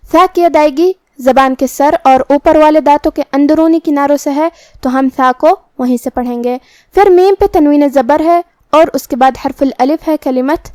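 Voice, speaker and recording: A woman's voice: high voice, a little mellow, dry recording. A woman teaching Quran recitation, methodically explaining each letter and rule in turn. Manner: slow, drawn-out recitation when demonstrating verses. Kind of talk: step-by-step pronunciation lesson.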